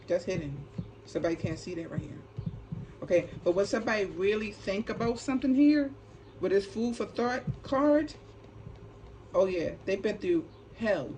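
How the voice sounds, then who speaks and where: Over a noticeably noisy background, a woman with a fairly low, somewhat dark voice does an unscripted, laid-back card reading of a spiritual kind. As a tarot reader and channel host, she stresses her points, repeats them, and keeps adding brief check-in tags.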